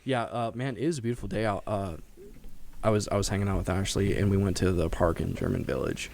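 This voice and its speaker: A man's voice: low voice, steady tone, quick pace, gravelly, a little mellow, a little hiss or hum. A young man co-hosting a college radio show, chatting loosely and giggling through rambling stories into a studio mic. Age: young adult. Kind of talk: casual chat. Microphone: studio mic with a hard limiter.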